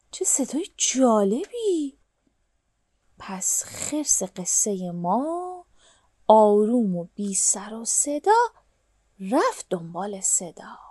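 A woman storyteller reading a children's story aloud, hushed and whispery, dramatic, speaking to the children listening. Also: on the high side, slightly rough, no echo, studio quality.

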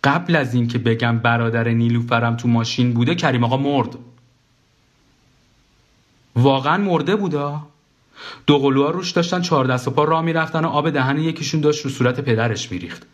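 A male storyteller reading a comic first-person story aloud. His narration is dry and wry, set at a middling pitch for a man, and it moves along in an even, unhurried way.

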